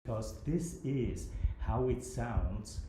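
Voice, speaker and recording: A man's voice: mid-range voice, slow pace, slight background noise. A man talking casually and earnestly through a distant built-in computer microphone that makes him sound like he is in a cave. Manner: earnest, repeats words when restarting. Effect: distant, roomy built-in laptop microphone sound, like a cave. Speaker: co-host giving video presentation advice. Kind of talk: casual conversational advice. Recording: quiet, echoey, from far off the mic.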